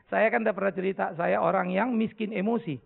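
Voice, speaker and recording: Pastor guy, middle-aged, high gravelly voice, blunt jokey sermon, tinny phone-like sound. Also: steady tone, normal speed. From North Sumatra, Indonesia. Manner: blunt, joking storyteller, swings between loud outbursts and quiet confession. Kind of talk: sermon with audience Q&A. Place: church hall before a congregation.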